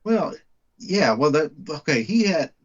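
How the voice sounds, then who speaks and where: A man's voice: a little high, very animated, a little slow, lo-fi sound. A man with a West Texas twang chatting casually about film, emphatically stating his opinions and rephrasing his points. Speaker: movie podcast co-host.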